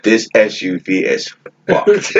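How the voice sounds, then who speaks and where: A man's voice: lowish voice, very animated, very slow, a little hiss or hum. A man co-hosting a podcast, telling a story in casual chat, profane and often laughing. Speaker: podcast co-host. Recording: dull lo-fi podcast audio.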